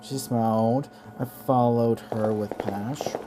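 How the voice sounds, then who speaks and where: A man narrating a first-person story as an amateur audiobook reader, in a plain, unhurried way. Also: medium pitch, fairly even intonation, noisy background.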